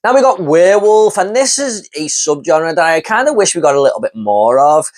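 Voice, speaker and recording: A man's voice: on the high side, very animated, brisk. A man giving a casual, enthusiastic spoken review of horror films, rambling with lots of fillers and repeating words as he starts a thought. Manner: enthusiastic, rambling, with many fillers like "you know" and "and everything".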